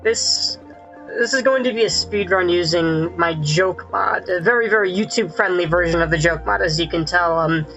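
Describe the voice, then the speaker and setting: A streamer talking through a live gameplay session with a voice digitally pitched up like a chipmunk, rambling and correcting themselves with frequent laughs. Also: moderate pace, vocal fry, fairly bright tone, soft background music, rough recording. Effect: pitched-up chipmunk-like voice filter.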